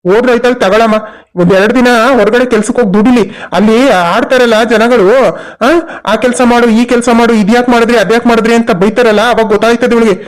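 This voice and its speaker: A performer voicing a concerned young husband and brother in a cartoon story, talking in quick, protective reassurances. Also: mid-range voice, steady tone, close to an everyday voice.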